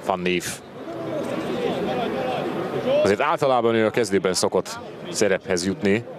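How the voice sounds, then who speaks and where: A man giving excited live football play-by-play commentary, exclaiming at goals and chances. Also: deep voice, over a noisy crowd. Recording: loud stadium noise behind the voice. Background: noisy outdoor stadium ambience.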